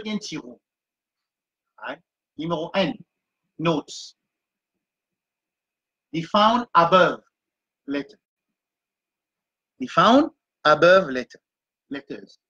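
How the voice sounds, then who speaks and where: Man, Quran reading teacher, high voice, bright tone, slow syllable-by-syllable drilling, French mixed with English. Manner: slow and repetitive, sounding out syllables one by one; mixes French with English and Arabic terms. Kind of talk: classroom lesson, spelling out letters and vowels.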